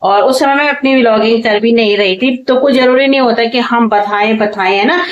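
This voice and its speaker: A loud, chatty woman from Uttarakhand, India, vlogs casually at home, saying she habitually speaks loudly though she's tired and unwell. Her fairly high voice moves fairly quickly. The lo-fi sound, with slight background noise, comes from small rooms and a kitchen, first via clip-on mic and later just the phone camera.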